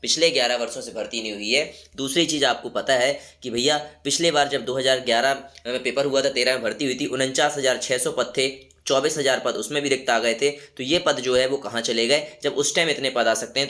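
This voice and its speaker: A man's voice: medium pitch, fairly quick, few pauses, bright, forceful tone. A man with a sore throat and a cold, hosting his channel and urging viewers with rhetorical questions. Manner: rallying, exhorting, rhetorical questions. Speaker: YouTube channel host. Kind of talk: motivational commentary to viewers.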